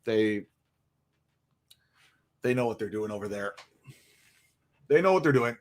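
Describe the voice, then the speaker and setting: In an expressive, unhurried voice of fairly low pitch, a young man chats on a laid-back hockey livestream. Running on little sleep, he yawns, sounds tired, and rambles with many fillers.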